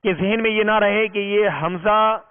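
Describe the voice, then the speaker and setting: Male recitation teacher, patient and methodical; high voice, unhurried delivery. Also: clean tone. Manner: patient, explains step by step, drawls out long vowels in recitation. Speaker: Quran reading teacher. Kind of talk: recorded tajweed lesson. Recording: tinny, reverberant lo-fi recording.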